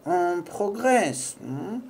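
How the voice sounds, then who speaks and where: Woman voicing a little male squirrel, proud and curious, bouncy pitch, slow, mellow tone. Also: big pitch swings, background noise, full character voice. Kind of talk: children's audio story acting.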